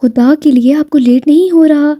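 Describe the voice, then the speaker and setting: A woman's voice: high voice, no echo, dull audio, voice pushed up, lightly acted. A woman voicing a loyal wife, playful with her husband and harsh with the police, in a storybook reading. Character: loving loyal wife, sharp-tongued when angered.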